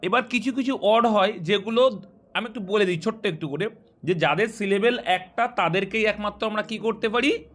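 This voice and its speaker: A man. He explains each rule patiently, then checks understanding with quick questions to the class. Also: high-pitched, fairly bright tone. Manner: explains step by step and quizzes students. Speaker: teacher. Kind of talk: grammar lesson.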